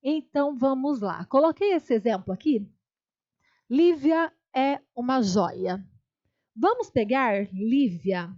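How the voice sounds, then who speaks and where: A woman's voice: on the high side, darkish tone, muffled recording. Patient Brazilian woman teaching grammar. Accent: Brazilian Portuguese. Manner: patient, step-by-step, repeats key terms and checks in with students. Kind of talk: online exam-prep lecture.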